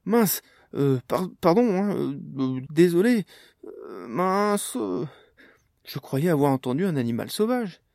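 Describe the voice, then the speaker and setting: A man's voice: medium pitch, expressive, vocal fry, a little mellow, no echo, clean studio sound. A man doing a stammering awkward man. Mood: flustered. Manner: stammering, halting. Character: awkward flustered man, hesitant.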